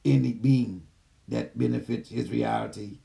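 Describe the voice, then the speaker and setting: A man voicing a gentle, calm male care robot that speaks in soft, low, clipped system announcements over a video call. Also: a little slow, creaky. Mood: calm, mechanical. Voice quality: soft, low, even machine-like delivery. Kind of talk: channeling a machine entity on a video call.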